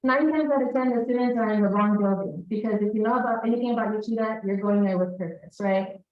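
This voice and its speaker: A Salvadoran woman whose first language is Spanish gives a lively speech to college staff in a large hall with an audience, engaging them directly. Her medium-pitched voice moves fast, captured by a distant mic with an echoey, dull sound.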